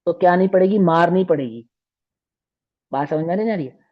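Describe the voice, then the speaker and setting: Brief: a man teacher with a higher voice, lively and questioning, in a dull lo-fi recording. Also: brisk. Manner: animated, asks the class rhetorical questions. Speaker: religious teacher. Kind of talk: storytelling lesson to children.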